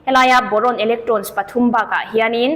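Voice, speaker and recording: A woman's voice: fairly high pitch, steady tone, quick pace, a bit bright, big-room sound, low-quality recording. A woman teacher working through exam questions, listing and explaining each answer option in turn. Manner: explanatory, lists options one by one. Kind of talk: exam question walkthrough lesson.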